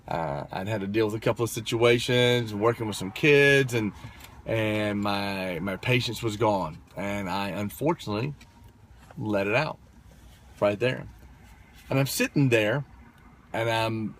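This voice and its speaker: A man's voice: lowish voice, measured pace, slight background noise. A man in his thirties talking casually to camera, telling a story with many fillers and "right?" tag questions. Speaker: motivational vlogger.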